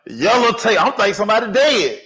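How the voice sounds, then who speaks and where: A man who once coached high school football, telling a story in casual, slangy sports talk and voicing the people in it. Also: brisk. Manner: animated, slangy storytelling with voiced quotes. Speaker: sports talk show host.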